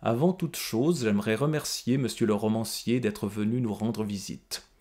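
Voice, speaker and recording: A man reading the lines of a blunt, scornful male inmate librarian in a deliberate, cutting way. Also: fairly low pitch, a little mellow, lightly acted. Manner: cutting, deliberate, stresses each syllable.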